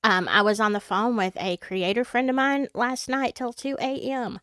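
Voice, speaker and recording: A Southern US woman hosting a true crime livestream chats casually, rambling with plenty of fillers and asides, and sounds congested from a sinus infection. Her voice is on the high side, level and fairly bright, at a normal speed. The recording is clean, dry and studio quality.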